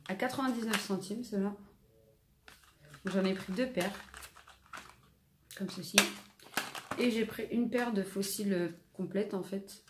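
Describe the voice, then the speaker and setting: A woman's voice: mid-range voice, measured pace, long pauses. A woman talks through her shopping haul in easy, rambling chat, often stopping on filler sounds as she shows each item. Her voice sits in the middle for a woman. The recording is echoey, with faint noise behind her. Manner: rambling, lots of "euh" and "donc" fillers. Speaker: haul vlogger. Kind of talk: casual product haul chat. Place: room at home.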